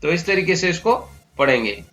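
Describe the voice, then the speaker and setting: Male teacher, Rajasthani Hindi accent, slow letter-by-letter explaining, bright voice, light music bed. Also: fairly high pitch, sing-song. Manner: slow, spells out letters one by one. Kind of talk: spoken English pronunciation lesson.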